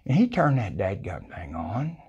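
This older man, South Texas accent and all, tells a hunting story in a colorful, folksy style, performing the voices he quotes. His lowish voice swoops wildly in pitch at normal speed, sounding mellow and slightly rough. The small-room lapel-mic recording is muffled.

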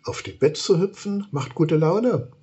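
A man's voice: a little high, expressive, a little slow, mellow, highs cut off, a little hiss or hum, pitched above the performer's own voice. A man voicing an eager, kind young boy who coaxes with questions in a storybook reading.

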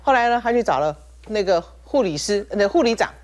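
A woman's voice: mid-range voice, brisk. A woman with a Taiwanese Mandarin accent hosting a talk show, telling a story with small laughs. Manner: lively storytelling with little laughs. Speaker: host.

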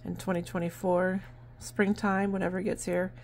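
A woman's voice: fairly low pitch, little pitch movement, moderate pace, creaky, darkish tone. A middle-aged woman from New Hampshire, chatting casually to camera about her barn sales in a rambling way with lots of fillers, recorded on a handheld phone at home. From New Hampshire, USA. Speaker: vlogger and barn sale seller. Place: at home, indoors at a table.

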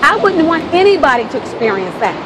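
A local American woman is having it out with a protester on a city street beside traffic, insistently arguing and haggling, often repeating herself and breaking in. She's a fast talker, her high-pitched voice swinging widely in pitch. It's a noisy outdoor clip shot on a handheld phone camera.

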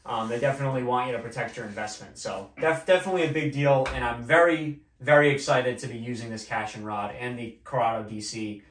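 A young adult male host of a fishing channel walks through his gear casually at a table in a small indoor room. His mid-pitched delivery is relaxed, chatty and quick, full of fillers, with hardly any pauses. A far-off camera mic picks him up with roomy echo.

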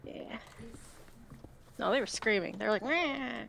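A woman's voice: mid-range voice, fairly even intonation, normal speed, creaky, a bit bright, a little hiss or hum. A woman chatting with a friend on a call, teasing and giggly. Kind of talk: casual chat.

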